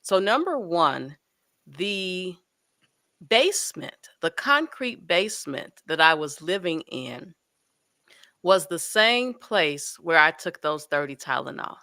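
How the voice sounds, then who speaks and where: A woman hosts an interview show and speaks slowly and earnestly. Her voice is bright, smooth and crisp, and the sound is close and dry. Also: on the low side, very animated, no room sound. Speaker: podcast host. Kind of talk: interview conversation.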